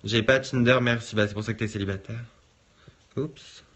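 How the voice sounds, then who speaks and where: A man's voice: fairly low pitch, fairly even intonation, normal speed, fairly bright tone. A man vlogging in a sassy, camp way, swearing freely and mocking people. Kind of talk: casual vlog chat.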